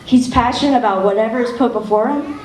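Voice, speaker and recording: A woman's voice: a little high, fast talker. A young woman giving an emotional wedding toast as the best friend, laughing often and close to tears. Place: wedding reception room. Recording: echoey room, distant mic, faint noise.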